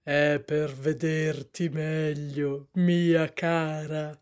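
A big, sly storybook wolf passing himself off as a sweet grandmother, put on by a woman reading aloud. The voice is smooth and level, spoken at a crawl with false gentleness. Underneath the sweetness sits a hungry predator. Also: deep voice, level tone, extremely slow. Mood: falsely sweet.

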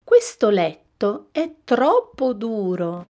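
A woman puts on a fussy little storybook girl with a high, girlish voice. She is picky and complaining, speaking with a bright lift. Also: huge pitch swings, takes it slowly, exaggerated voice.

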